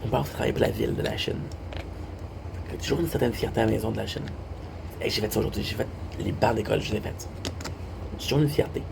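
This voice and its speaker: Young quebecois guy, gravelly low voice, rambling story, background hum. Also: very animated, quick pace, long pauses. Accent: Québécois French. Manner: rambling, repeats himself, swears casually. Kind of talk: casual storytelling monologue.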